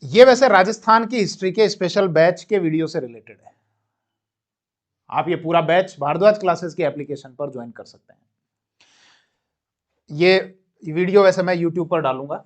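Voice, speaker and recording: Speaking in a high voice, a man teaches history as if in a classroom. He talks through the material as he goes, dropping in asides and swiftly correcting himself.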